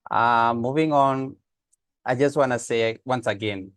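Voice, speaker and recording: Unhurried and clear, a Kenyan man's resonant mid-range voice greets participants in his online office hours. He's friendly but hesitant, using lots of "uh" fillers, and talks through a computer mic on a video call with no room sound.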